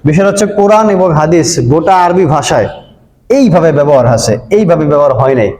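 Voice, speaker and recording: A man with a high voice walks through a grammar lesson at a board and pauses to check that everyone follows. His patient, repetitive delivery rings through a roomy space with a long reverb tail. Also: lively intonation, a little mellow. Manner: patient, repeats points and checks understanding often. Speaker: Arabic grammar teacher. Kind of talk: board lesson explaining Arabic verb forms. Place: room with a board. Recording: echoey room with long reverb.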